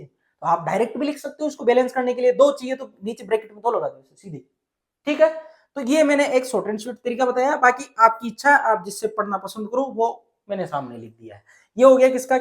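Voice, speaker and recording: A male teacher from Rajasthan explaining a chemistry lesson step by step, often asking a question and then answering it himself. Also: extremely high pitch. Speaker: science teacher.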